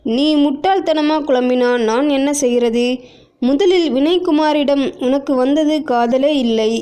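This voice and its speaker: A woman voicing an earnest young man who patiently reasons and reassures, in a calm, gentle way. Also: high-pitched, measured pace. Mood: reasoning.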